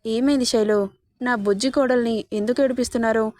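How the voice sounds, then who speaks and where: A woman voicing a gentle, affectionate father-in-law who soothes and coaxes. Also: fairly high pitch, steady tone, a little fast, dry recording, close to an everyday voice. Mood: doting. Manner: soothing, coaxing.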